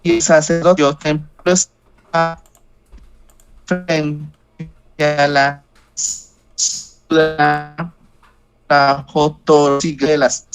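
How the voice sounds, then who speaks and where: A man reading scripture aloud in a Bible study over a video call, slow and halting, with slips he corrects. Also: on the high side, level tone, music in the background, rough recording.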